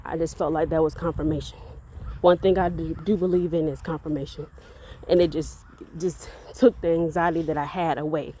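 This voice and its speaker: Earnest woman, low mellow voice. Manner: earnest, rambling, faith-filled, repeats words. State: a bit out of breath. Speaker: parent vlogger. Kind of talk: casual testimony vlog.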